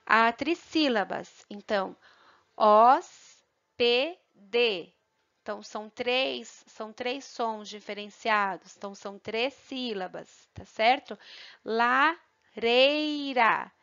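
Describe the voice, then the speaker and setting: Patient teacher, muffled audio. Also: female voice, fairly high pitch, fairly bright tone. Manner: patient, checks in with "tá?" and "tá bom?"; sounds out syllables slowly and clearly. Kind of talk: recorded online grammar lesson.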